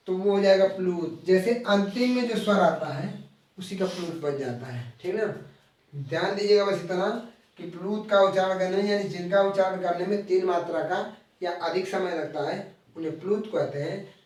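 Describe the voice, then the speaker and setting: A man with a fairly high voice teaches a live grammar lesson, repeating each key term and drawing out the example sounds. He stands back from the mic, and the sound rings in a very echoey room. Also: a little mellow, far from the mic.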